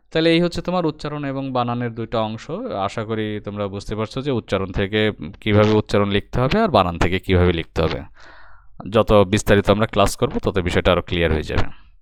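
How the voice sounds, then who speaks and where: A man's voice: on the low side, clear, resonant tone, no echo, clean studio sound. A man teaching a recorded exam-prep lesson, patiently explaining step by step and addressing his students directly.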